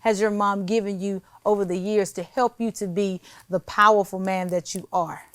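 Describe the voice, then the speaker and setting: A woman's voice: medium pitch, fairly even intonation, moderate pace, fairly bright tone. A woman hosting a talk show, chatting casually and affirming her guest with frequent encouraging interjections.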